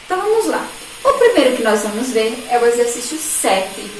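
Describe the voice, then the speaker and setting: A woman teacher with a Brazilian Portuguese accent giving a remote lesson to young children, spelling words out slowly, syllable by syllable. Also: a little high, sing-song, slight background noise. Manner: slow, syllable-by-syllable teacher talk with diminutives. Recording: echoey distant room mic, faint ambience.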